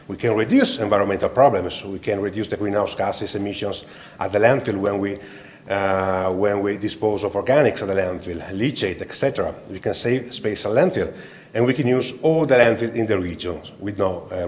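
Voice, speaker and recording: Low-voiced man presenting to council. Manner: hesitant, many fillers. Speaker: town staff presenter. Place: council chamber.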